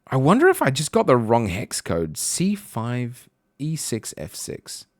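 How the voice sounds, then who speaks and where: A man's voice: medium pitch, wildly swooping pitch, a little slow, no room sound, clean studio sound. A man streaming and chatting casually with his viewers, reading their messages aloud. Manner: chatty, reads chat messages aloud, frequent fillers.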